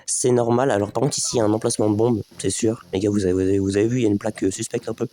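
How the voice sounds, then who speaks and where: Talking fast in a fairly low, dark voice with a steady tone, a man with a slight head cold hosts a casual let's play for his gaming channel. He's chatty, thinks out loud, and speaks right to viewers as les gars, with a little hiss or hum on the recording.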